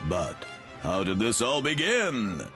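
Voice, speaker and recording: A man's voice: fairly low pitch, huge pitch swings, takes it slowly. Portentous male documentary narrator. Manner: grand, portentous. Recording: narration over loud music.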